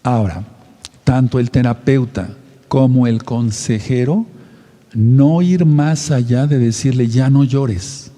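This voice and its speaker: A man's voice: mid-range voice, takes it slowly, warm tone, long reverb tail. A man, a pastor and counselor giving a teaching sermon, repeating his points and asking the audience questions.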